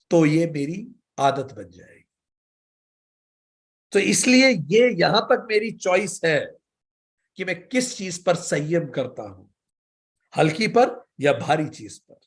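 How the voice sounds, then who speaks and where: Brief: male yoga teacher, fairly high voice, measured spiritual lecture with slow recitations. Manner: teaching with stories and questions.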